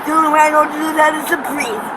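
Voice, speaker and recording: An older American woman talking with police outdoors, swinging between calm talk and shouting, picked up by an officer's body camera. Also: high voice, very fast. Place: outdoors on a street by traffic. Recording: noisy outdoor body-cam audio.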